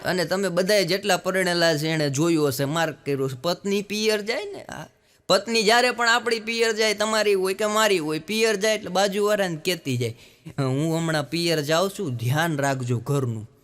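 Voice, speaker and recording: A man performing stand-up jokes on stage, acting out voices in animated bursts. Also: sits high, brisk. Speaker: stand-up comedian. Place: live stage show with audience.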